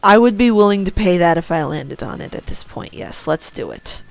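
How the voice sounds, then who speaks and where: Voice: medium pitch, expressive, moderate pace, creaky, no room sound, faint music behind. A streamer giving casual commentary over a board game, talking to themselves with muttered asides. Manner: talks to self about the game, muttered asides.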